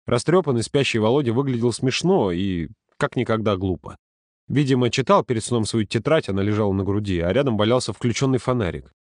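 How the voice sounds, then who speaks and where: A man narrating a story in a calm, steady audiobook reading. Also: lowish voice, fairly quick, no room sound, clean studio sound. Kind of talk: scripted narration.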